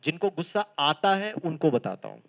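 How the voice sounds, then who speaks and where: A man's voice: fairly high pitch, normal speed, gravelly. A man giving a motivational lecture with humorous stories and questions to the audience. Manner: lively, humorous storytelling, asks the audience questions. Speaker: spiritual lecturer. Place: lecture hall. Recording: slightly dull lo-fi recording.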